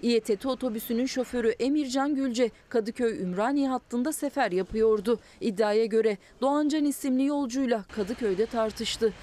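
Female reporter voice-over, fairly high pitch, faint hiss underneath. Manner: measured, even report reading. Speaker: news reporter. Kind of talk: scripted news voice-over.

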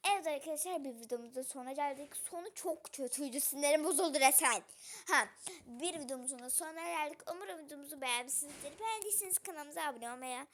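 A woman's voice: high voice, quick pace, a bit bright. A woman hosting a game channel, cheerfully rattling off a video outro. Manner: cheerful, rattles off sign-off phrases. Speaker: channel host.

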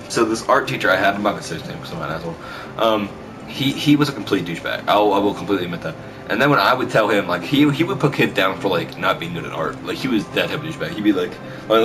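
With a lowish voice, a young man in his teens or early adulthood tells school stories for a vlog in a small bedroom. His casual storytelling is brash, sweary, and repetitive, recorded on a camera mic at a distance with loud music behind him.

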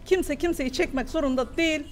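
High-voiced emotional mother over music. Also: fairly quick. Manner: emotional, pleading. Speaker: interviewed mother. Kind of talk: emotional on-location interview.

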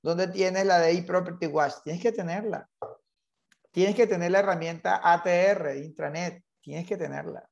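A man's voice: high voice, normal speed, vocal fry, muffled recording. A man leading an online real estate training class, insistent and repetitive, mixing English terms into his Spanish.

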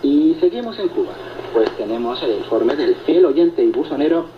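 Over a crackling shortwave signal thick with loud static, muffled and echoing, a male radio host shares presenting duties on a program. He speaks at a regular pace in an expressive, medium-pitched voice, reading out listener reports and answering them conversationally.

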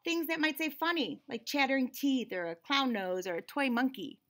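Shelves and cabinets line the small indoor room where an American woman in her forties reads a picture book aloud to young children. Her high-pitched, expressive, fairly bright voice moves at normal speed. A read-aloud host and teacher, she reads expressively with friendly teaching asides.

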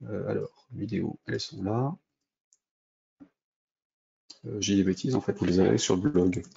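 Low gravelly French man teaching code. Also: fairly quick, dark tone, lo-fi sound, a little hiss or hum. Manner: hesitant, many fillers and restarts, thinks aloud while clicking. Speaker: programming instructor. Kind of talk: screen-recorded coding tutorial.

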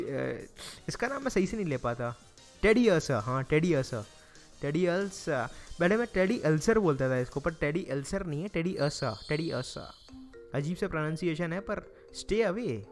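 A young Indian man with a Hindi accent and a slightly high voice talks through his game in a loose, chatty way. He groans and pleads with the game, and faint game music plays under him. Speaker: gaming YouTuber. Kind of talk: casual Let's Play commentary.

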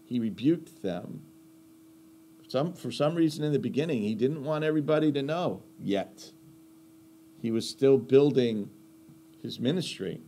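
A man's voice: mid-range voice, animated, unhurried, pauses often, mellow, slight background noise. A man gives a conversational sermon with a mid-range voice. He stresses his points hard, poses rhetorical questions and circles back to repeat key lines. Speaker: Bible teacher.

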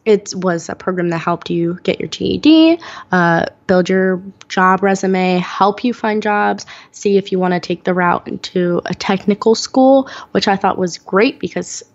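An eighteen-year-old woman telling her own story as a guest in an interview, earnest and pausing often with "um". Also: medium pitch, muffled recording. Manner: earnest, many "um" pauses. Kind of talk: podcast interview, personal story.

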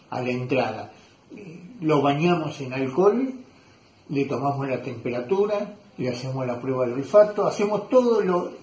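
A man's voice: fairly high pitch, a little mellow, slight background noise. A man with an Argentine accent, a leatherwork teacher chatting casually in his workshop, rambling and correcting himself with lots of fillers. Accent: Argentine Spanish. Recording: echoey workshop room.

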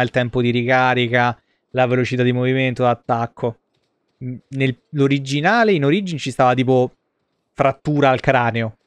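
Medium in pitch, clear and resonant, the voice belongs to a man in his thirties commentating live on a video game with an Italian accent. He keeps it casual and colloquial, swearing at times, in a small indoor room with no room sound.

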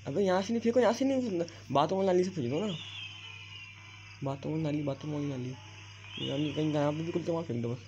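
A man's voice: fairly high pitch, quick pace, background noise. Man barking urgent gaming commands. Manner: urgent, repeating commands to his partner. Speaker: gamer playing with a partner. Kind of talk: live gameplay commentary. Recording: dull lo-fi audio over game music.

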